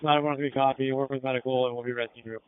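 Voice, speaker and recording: A man's voice: medium pitch, little pitch movement, rapid-fire, a little hiss or hum. A man, a firefighter officer, giving clipped, urgent, businesslike status reports over a two-way radio. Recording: narrow-band two-way radio transmission.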